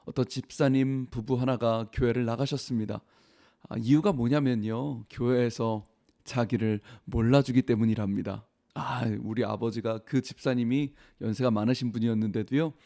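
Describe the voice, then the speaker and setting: A man's voice: medium pitch, mellow. A middle-aged man, a pastor, giving a radio sermon column, preaching with rising fervent emphasis.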